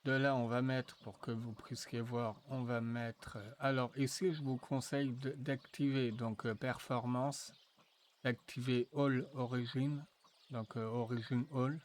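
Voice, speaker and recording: A man walking viewers through a software tutorial, thinking aloud with frequent fillers and restarts. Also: medium pitch, steady tone, a little hiss or hum. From France. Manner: slow, hesitant, thinking aloud with many fillers. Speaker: tutorial presenter. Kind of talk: screen-recorded software tutorial.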